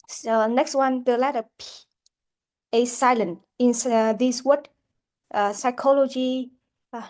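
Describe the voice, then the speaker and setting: A woman teaching a pronunciation lesson, speaking haltingly with many fillers and repeated words. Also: fairly high pitch, a little mellow. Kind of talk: classroom lesson explanation.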